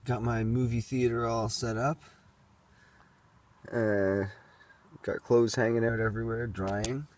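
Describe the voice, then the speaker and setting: A man's voice: medium pitch, level tone, takes it slowly, darkish tone. A young man narrating a casual hiking vlog to a handheld camera, chatty and easygoing as he points things out on the trail and at camp. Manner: easygoing, chatty, shows things to the viewer as he goes. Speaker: hiking vlogger. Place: outdoors on forest trails and at a campsite.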